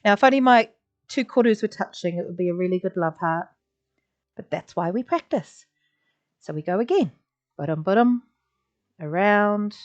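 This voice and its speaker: A woman's animated, mid-range voice moves at normal speed as she teaches drawing live online. She chats warmly, encourages her viewers, and punctuates her strokes with small sound effects; the audio is slightly dull lo-fi.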